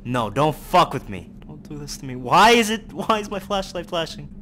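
A man's voice: fairly high pitch, sing-song, normal speed. Jumpy, swearing young man playing horror. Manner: jumpy, profane, yells and pleads at the game. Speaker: gaming YouTuber. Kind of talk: horror game commentary. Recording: noisy background.

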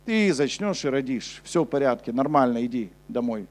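A young man preaching a sermon on a church stage with a handheld mic, switching between emphatic urgency and a soft, low delivery. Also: lively intonation, moderate pace. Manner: preaching with rising intensity, then dropping soft and low for scripture. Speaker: pastor. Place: church stage before a congregation.

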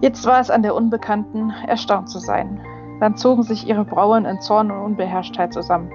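A woman reads a fantasy audiobook in a steady, measured voice of middling pitch. The recording is slightly dull and muffled at the top. Faint music plays underneath. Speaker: audiobook reader. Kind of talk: audiobook narration.

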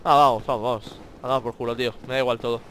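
A man with a Spain Spanish accent giving excitable let's-play commentary, swearing a lot and talking to the enemies on screen. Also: medium pitch, very fast, slight background noise. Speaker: gamer playing a video game.

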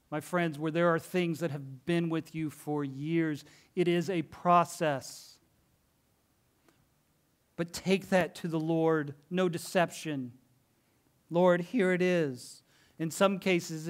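A middle-aged man preaching a sermon in a church, telling stories in an earnest, emphatic way. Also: on the high side. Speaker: pastor. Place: church sanctuary.

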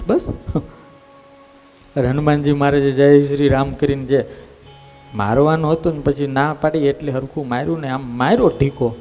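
A man giving a storytelling sermon as a swami in a temple, acting out voices with lively animation. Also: mid-range voice. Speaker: swami giving a religious discourse. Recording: long temple hall reverb, faint music.

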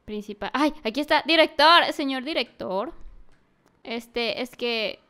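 A woman giving animated let's-play commentary, talking to a baby character and often yelling and laughing. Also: high-pitched, unhurried. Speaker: gaming youtuber.

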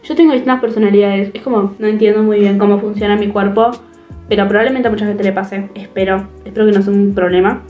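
A teenage girl with a Rioplatense Spanish accent, chatting excitedly to camera at home in a rambling, expressive way. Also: medium pitch, lo-fi sound. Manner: excitable, rambling, fast-changing expressive delivery. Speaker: vlogger. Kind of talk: casual chat to camera. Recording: echoey room with faint music.

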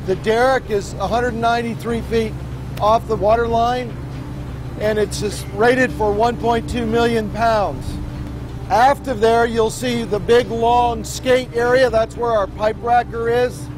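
A man's voice: very high voice, fairly even intonation, unhurried, noisy background. Man explaining heavy rig machinery. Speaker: drilling operations expert giving a tour. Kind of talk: informative technical explanation.

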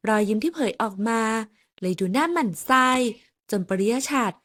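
A woman narrating an audio novel in a soft, measured reading voice. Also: on the high side, animated.

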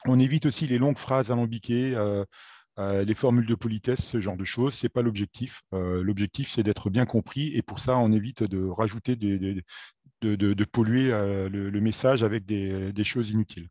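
A French-speaking man giving a video lesson on aviation, talking in a halting way with many fillers and self-corrections. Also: on the low side, dark tone, no echo. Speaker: aviation theory instructor.

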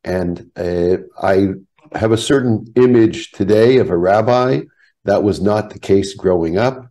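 A man's voice: lowish voice, mellow. Older Canadian man telling his story. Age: 70s. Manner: measured, reflective storytelling. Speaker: guest, rabbi. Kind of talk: storytelling in a video-call interview. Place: home office. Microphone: video call webcam.

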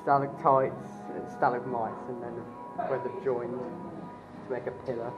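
A woman's voice: a bass voice, little pitch movement, unhurried. A middle-aged woman chatting casually as she comments on a walk through a cave. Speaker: vlogger. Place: inside a show cave. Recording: dull lo-fi camcorder sound, loud music. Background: music playing in the cave.

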